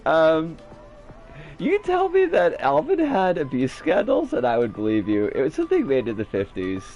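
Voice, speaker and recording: Animated man streaming, wide-swinging pitch. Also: moderate pace, muffled recording, soft background music. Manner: sardonic, rambling, sweary. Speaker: game streamer. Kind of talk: casual livestream chat and commentary.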